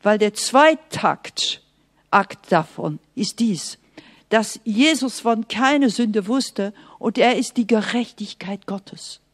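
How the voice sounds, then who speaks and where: A woman preaching a sermon in an earnest, emphatic way, sometimes dropping to soft, hushed asides and speaking straight to the listener. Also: medium pitch, animated, slow. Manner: speaks directly to the listener, often asking "Okay?".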